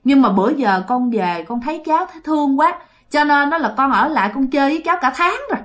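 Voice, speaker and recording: A grieving young ghost woman, high and tearful, her voice leaping and pleading as she begs her mother for comfort, put on by a woman telling the story. She sounds lively and shaky, like a daughter returned from the dead. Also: fast. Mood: earnest, comforted. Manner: sobbing, pleading, high and rising.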